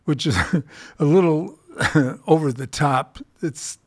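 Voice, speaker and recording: Male radio host, American, gravelly, unhurried and halting, slightly high-set voice, thinking aloud between records. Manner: halting, musing delivery with repeated words and trailing thoughts. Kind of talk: rambling music commentary between records on a radio show.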